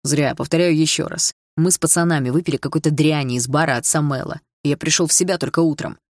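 A woman voicing a sullen, grieving teenage boy in an audiobook, speaking in a flat, clipped way. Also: sits low, fast talker, no echo, clean studio sound. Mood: defensive.

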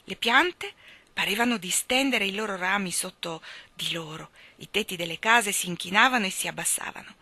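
A woman narrating a children's storybook with expressive phrasing, her reading often sinking into soft, hushed passages. She has a bright, clear voice at a middle pitch, recorded close and dry with no room sound. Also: moderate pace, dry recording. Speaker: reader. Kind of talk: audiobook storytelling.

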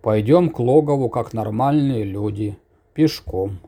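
A man's voice: lowish voice, measured pace, dark tone, slightly rough. A man playing an absent-minded old professor. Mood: wry. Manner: slightly flustered, courteous.

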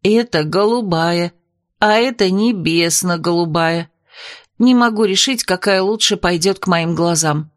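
A woman's voice: fairly low pitch, unhurried, no echo, lightly acted. A woman voicing an indignant, fussy young tsar's daughter in an audiobook, in a voice close to her own.

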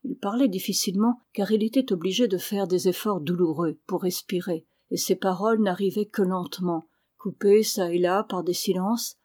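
A woman reading a classic novel aloud as calm, even scripted narration. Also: mid-range voice, moderate pace. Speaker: audiobook reader.

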